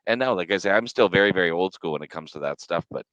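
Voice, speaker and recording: A laid-back man in his late thirties talks in casual podcast chat. He is agreeable and swears now and then. His voice is very low-pitched and recorded close and dry. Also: lively intonation, quick pace, fairly bright tone, dry recording, dull audio. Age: 30s. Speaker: podcast co-host.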